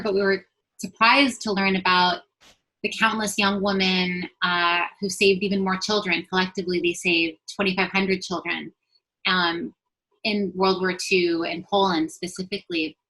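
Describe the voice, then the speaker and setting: Earnest LA writer, bright voice, thoughtful and fluent. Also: female voice, medium pitch, low-quality recording. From Los Angeles, US. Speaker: writer and producer. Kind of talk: casual interview answers.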